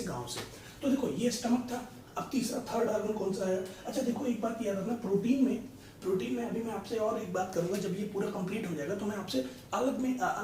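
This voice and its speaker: Brief: high-voiced male tutor, playful analogies, echoey room. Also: a little mellow, far from the mic. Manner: asks the class checking questions, tells playful analogies. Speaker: biology tutor. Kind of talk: casual classroom explanation with stories. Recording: echoey room from off mic, faint noise.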